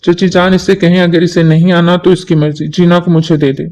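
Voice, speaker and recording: A man's voice: sits high, little pitch movement, moderate pace, a little mellow, close to an everyday voice. A man voicing a stern young husband who speaks harshly in a story reading. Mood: curt. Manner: harsh, curt.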